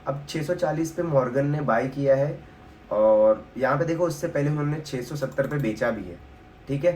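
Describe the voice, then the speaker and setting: A man's voice: medium pitch, normal speed, a little mellow, slight background noise. A man with an Indian accent walking through a stock analysis on screen, talking casually and checking in with his viewers again and again. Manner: casual, explanatory, repeats filler tag often. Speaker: stock market educator.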